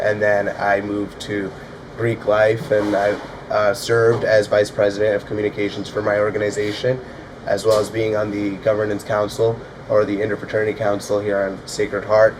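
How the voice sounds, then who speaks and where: A man's voice: lowish voice, background noise. A young male student from Connecticut, speaking earnestly on a panel. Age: young adult. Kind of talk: casual panel talk.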